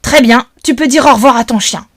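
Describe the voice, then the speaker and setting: A woman voicing a gruff, threatening grown man who holds children captive, menacing and domineering. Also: on the high side, a little fast, no echo, clean studio sound, pitched above the performer's own voice, lightly acted. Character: gruff threatening adult male kidnapper.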